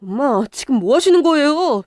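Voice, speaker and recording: A woman's voice: sits high, lively intonation, normal speed, a little mellow, no echo, studio quality. A woman voicing an earnest teenage boy in a radio drama, pleading with his mother over his girlfriend.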